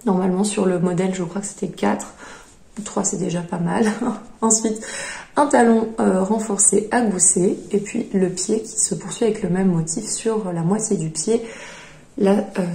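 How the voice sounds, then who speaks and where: A knitting podcast host chats casually while showing off her projects, with plenty of fillers and hesitations in this show-and-tell. Her medium-pitched voice is dark with vocal fry, and the room sounds echoey.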